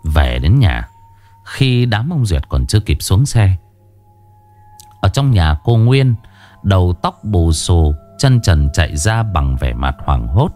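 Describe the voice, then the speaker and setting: A man with a fairly low voice narrates a ghost story. His pitch rises and falls expressively as he tells it, and faint music plays underneath. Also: big pitch swings, slow pace, darkish tone. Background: faint background music.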